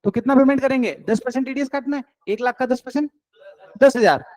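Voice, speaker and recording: A man's voice: extremely high pitch, quick pace, darkish tone, no room sound. A man teaching an accounts class, coaxing and encouraging his students and mixing in English terms.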